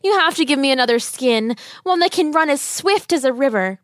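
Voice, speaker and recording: A woman's voice: high voice, animated, brisk, fairly bright tone, dry recording, clean studio sound, voice pushed up. A woman voicing an earnest young man pleading. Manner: pleading and eager.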